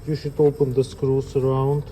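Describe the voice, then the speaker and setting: An instructor demonstrates how to calibrate a piece of equipment in an unscripted, step-by-step tutorial, speaking plainly and haltingly in short phrases. His mid-range voice is mellow and monotone. The audio is poor, with a little hiss or hum.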